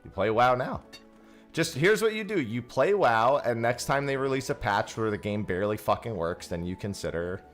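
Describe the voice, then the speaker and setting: A man streams a game and talks casually with viewers, thanking them, with livestream audio from a headset mic. His medium-pitched voice is animated and moves at a normal speed, with faint music behind it.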